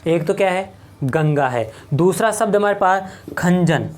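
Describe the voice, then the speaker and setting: A man teaching a whiteboard lecture, slowly repeating each point and asking his class rhetorical questions. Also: sits high, animated.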